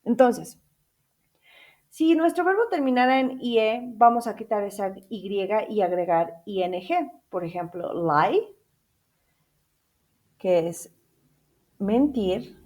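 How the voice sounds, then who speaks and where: A woman's voice: medium pitch, expressive, slow, long pauses, a little mellow. A woman teaching an English grammar lesson in two languages, spelling out letters, repeating each example and checking in with her class through questions.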